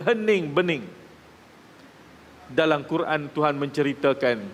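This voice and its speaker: Malaysian Malay preacher in a reverberant hall. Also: male voice, sits high, fairly bright tone, slight background noise. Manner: addresses the audience directly, asks checking questions; acts out quoted people in his stories. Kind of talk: religious talk to a live audience. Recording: reverberant hall with faint ambience.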